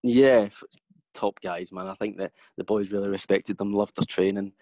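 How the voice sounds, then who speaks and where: A man's voice: on the low side, fairly even intonation, normal speed, mellow, dry recording. A man in his thirties with a broad Scottish accent, chatting casually as a former footballer being interviewed about his career. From Scotland.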